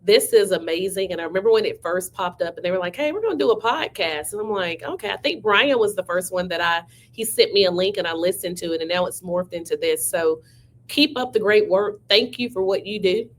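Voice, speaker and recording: A woman's voice: lowish voice, brisk, a little hiss or hum. Effusive county manager, woman. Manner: warm, effusive praise with frequent "y'all". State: under the weather. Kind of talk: casual remarks to a team.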